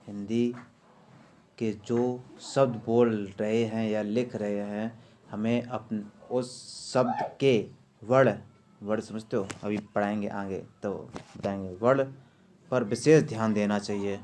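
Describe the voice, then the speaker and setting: A male teacher with a mid-range, slightly mellow voice runs an exam-prep spelling lesson, repeating each word and quizzing his students on it.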